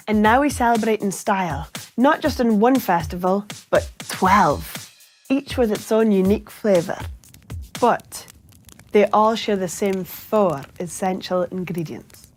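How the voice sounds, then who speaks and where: A woman's voice: mid-range voice, darkish tone. A woman from Shetland with a Shetland Scottish accent, presenting a scripted, humorous explainer in a playful way with theatrical emphasis. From Shetland, Scotland.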